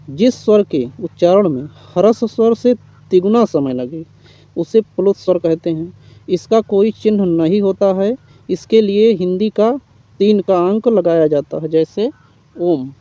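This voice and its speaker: A man's voice: high-pitched, a little slow, mellow, no echo. A man teaching Hindi grammar in an exam-prep lecture, reading definitions and listing examples step by step. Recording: dull, muffled lo-fi recording.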